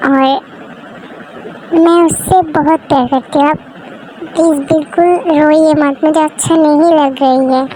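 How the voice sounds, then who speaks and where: Reassuring young husband, read by a woman in her own high voice, fan dub. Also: a little slow, pauses often, a little hiss or hum, low-quality recording. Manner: calm, reassuring.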